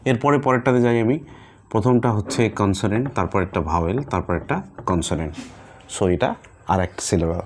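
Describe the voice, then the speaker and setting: A man teaching an English pronunciation lesson, stretching out words slowly as he demonstrates them. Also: fairly low pitch, lively intonation, a little mellow, a little hiss or hum. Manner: slow, drawn-out word demonstrations.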